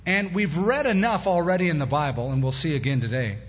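Casual sermon guy at a pulpit mic in a big church, husky, slightly high voice, echoey lo-fi tape. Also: a little fast. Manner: conversational, with plain-spoken asides. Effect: preaching at a pulpit microphone. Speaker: pastor. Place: church sanctuary. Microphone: pulpit microphone. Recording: echoey hall, dull lo-fi sound.

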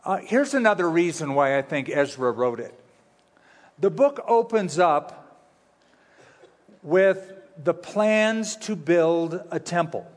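A man preaches at a pulpit microphone, his voice sitting a little high for a man. He teaches in a relaxed, folksy way with touches of humor. His words ring out with a long reverb through a big church sanctuary. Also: slow, pauses often. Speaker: pastor. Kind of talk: sermon teaching. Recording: long reverb of a large hall.

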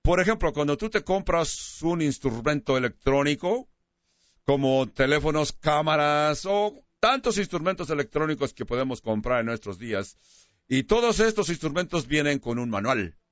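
Emphatic male preacher, slightly high voice. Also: lively intonation, no room sound, highs cut off. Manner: preaches with slow, emphatic stresses on key words. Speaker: pastor. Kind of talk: sermon.

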